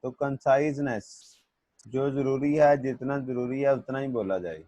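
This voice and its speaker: Man, teacher, classroom lecture, very slow delivery, fatherly, reads English definitions and explains them, dry close sound. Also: mid-range voice, fairly even intonation, warm tone, no room sound. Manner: calls his students "beta" in a fatherly way; asks students if they understood.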